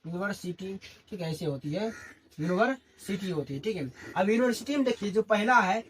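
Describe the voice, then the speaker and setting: A man's voice: high voice, expressive, brisk, a bit bright, slight background noise. Male tutor, call-and-response classroom delivery. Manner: constantly asks and answers his own questions. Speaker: English grammar teacher. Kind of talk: classroom lesson in Hindi.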